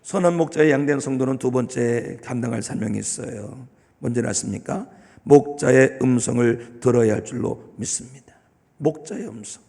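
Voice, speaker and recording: A man preaching a sermon as pastor, emphatic and repetitive, swinging between loud declarations and hushed asides. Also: medium pitch, normal speed, gravelly, breathy edge. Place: church sanctuary. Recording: long hall reverb of a church.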